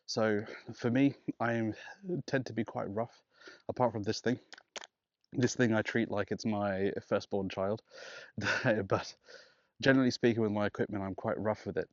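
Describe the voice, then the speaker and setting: Low-voiced man rambling on a walk. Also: no room sound, dull audio. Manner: relaxed, rambling with many restarts and laughs. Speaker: vlogger. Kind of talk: casual walking vlog. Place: outdoors on a walk in a park. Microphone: wireless clip-on mic.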